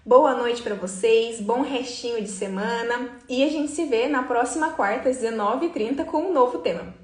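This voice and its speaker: A woman psychologist speaks to her followers in a live stream with a slightly high voice, teaching patiently and often asking her listeners whether they follow. Her phone picks her up in an echoey room that adds a reverberant tail to every phrase. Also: moderate pace. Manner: didactic, frequent tag questions to the audience. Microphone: phone for a social media live.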